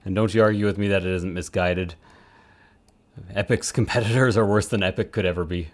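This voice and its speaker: A man with a deep, steady voice talks a little fast. He's a streamer supporting 3D print models, casually chatting on a live stream as he works and rambling with self-mocking remarks.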